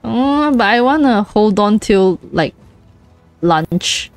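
A young woman with a Chinese accent chats playfully on a gaming stream, giggling often and repeating words in little bursts. She talks slowly at a medium pitch. Her voice sounds close and dry, with faint music underneath. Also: lively intonation, no echo. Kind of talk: casual gaming chat.

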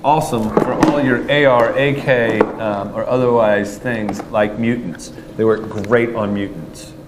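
A man's voice: medium pitch, fairly even intonation, unhurried. A man hosting a casual store show, chatting about gear with lots of fillers and upbeat asides. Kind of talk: casual product chat. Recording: noisy store recording.

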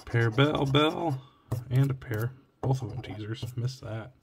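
A young Oregon man, host of a scratch-ticket channel, narrates casually while scratching lottery tickets at home late at night, reading each symbol aloud in a tired, cracking voice. His mid-range voice is unhurried with vocal fry and an Oregon US accent. A phone or camera points down at the table, catching coin scratching and clicks.

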